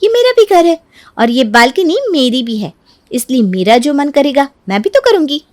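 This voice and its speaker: A woman voicing a sharp-tongued young daughter-in-law who argues defiantly in a family storybook quarrel. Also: high voice, big pitch swings, normal speed, voice pushed up. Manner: defiant, argumentative. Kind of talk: storybook character acting.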